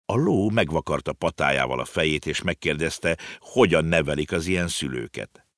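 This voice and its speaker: A man narrating a children's story with expressive storytelling. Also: a bass voice, no room sound, studio quality. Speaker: audiobook narrator. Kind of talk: scripted narration.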